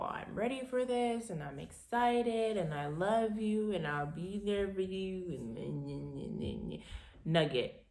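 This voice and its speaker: Animated young woman telling a story. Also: deep voice, roomy sound. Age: 20s. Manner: animated, laughing, acting out her dad's lines. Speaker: vlogger. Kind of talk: casual storytelling.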